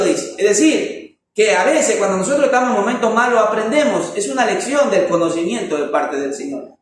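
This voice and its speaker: A man teaching a Bible lesson in an emphatic preaching style, stressing words with sharp rises and asking rhetorical questions. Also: sits high. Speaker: Bible teacher leading a church economics class. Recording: echoey room, voice from far off, faint noise.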